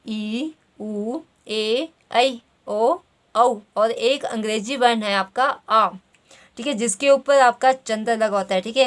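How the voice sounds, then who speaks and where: A woman's voice: on the high side, a bit bright. A woman teaching grammar, walking through quiz questions and repeating "theek hai" as she explains. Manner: says "theek hai" constantly, reads options slowly.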